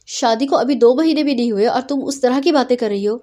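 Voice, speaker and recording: A woman's voice: on the high side, mellow, close to an everyday voice. Woman reading as a stern, scolding husband. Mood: angry. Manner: harsh, scolding. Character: stern young husband, short-tempered and proud.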